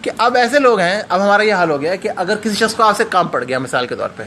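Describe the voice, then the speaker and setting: Man, high-pitched voice, religious lecturer, earnest, rhetorical questions, anecdotes, faint hum behind. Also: animated, sharp tone. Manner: frequent restarts and pious interjections. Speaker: Islamic lecturer.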